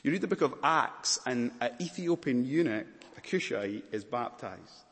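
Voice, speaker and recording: A man preaches a sermon, building from hushed pauses to soaring climaxes. His voice sits in a middle pitch for a man. It rings out with a long reverb in a large church hall. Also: expressive. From Malawi. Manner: dynamic preaching with dramatic pauses and swells. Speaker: pastor.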